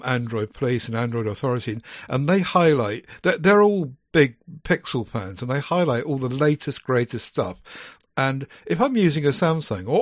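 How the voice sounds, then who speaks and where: A man's voice: mid-range voice, dry recording. A man chatting as a podcast co-host, rambling with many ums and restarts. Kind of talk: casual chat. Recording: dry, slightly muffled.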